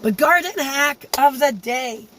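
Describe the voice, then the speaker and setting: A woman with a congested, stuffy nose and a hoarse, cold-worn voice, giving a casual, chatty tip with emphatic questions. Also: high-pitched, unhurried. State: hoarse, partly lost voice. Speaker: gardening tip vlogger. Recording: clearly noisy background.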